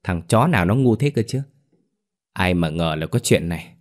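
Male narrator putting on a scolding greedy wife, raised, shrill. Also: lively intonation, moderate pace. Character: sharp-tongued greedy wife, middle-aged woman.

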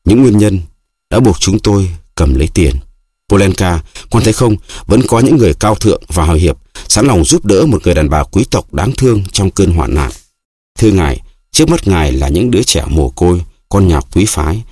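A man reading an audiobook voices a proud, hysterical destitute widow, pleading and scolding in a raised, shrill voice. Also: lively intonation, fairly quick, warm tone, breathy edge, no room sound, studio quality. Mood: haughty pleading.

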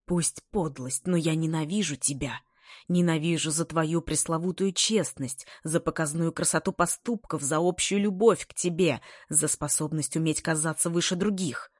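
A woman's voice: low-pitched, normal speed, no room sound, clean studio sound. A woman reading a story, voicing a haughty, spiteful young baron who speaks with bitter hatred. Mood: hateful. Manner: bitter, hateful, proud.

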